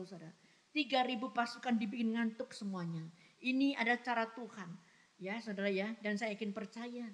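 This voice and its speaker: A woman pastor delivering a sermon in church, with emphatic preaching, rhetorical questions and frequent direct address to the congregation. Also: on the high side. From Indonesia.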